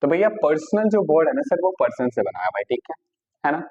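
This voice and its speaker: Indian man teaching grammar, fairly high voice. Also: sing-song, darkish tone, highs cut off. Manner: mixes Hindi and English, repeats "theek hai sir", dictates sentences slowly; argues playfully with imagined student questions. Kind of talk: classroom board lesson.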